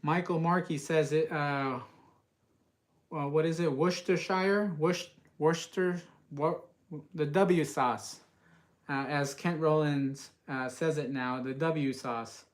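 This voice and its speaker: A man's voice: fairly high pitch, steady tone, slow pace. A man from the US West Coast hosting a live cast iron cooking stream, chatting casually and reading out viewer comments with many uhs. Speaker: cooking channel host.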